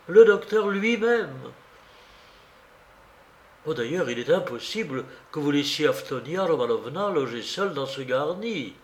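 A man reading a loud, tipsy young student. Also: medium pitch, natural voice. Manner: loud and blustering. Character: boisterous drunk young student. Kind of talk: audiobook character reading. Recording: roomy recording.

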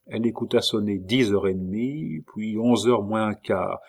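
A man reading a novel aloud as an audiobook narrator, with measured, dramatic delivery. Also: fairly low pitch, creaky, a little mellow. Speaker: audiobook reader. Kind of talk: scripted narration.

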